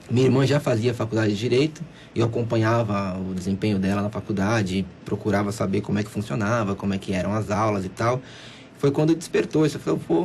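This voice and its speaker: A man's voice: lowish voice, gravelly, darkish tone, slight background noise. A Brazilian man in his twenties, a lawyer guest on a radio interview, who speaks hesitantly and repeats words. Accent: Brazilian Portuguese, São Paulo coast. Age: 20s. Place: radio studio.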